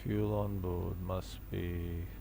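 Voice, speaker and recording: A man's voice: low-pitched, flat delivery, slow pace, creaky, background noise. A man streaming a flight simulator, casually talking himself through each step as he goes. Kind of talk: casual live commentary on own gameplay.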